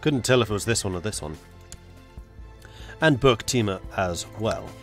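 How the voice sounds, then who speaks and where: Here the streamer, a man with a cold, speaks at a normal speed in a lowish, expressive voice over faint background music. Chatty and congested, he mutters to himself while working out a strategy game and talking casually with his viewers.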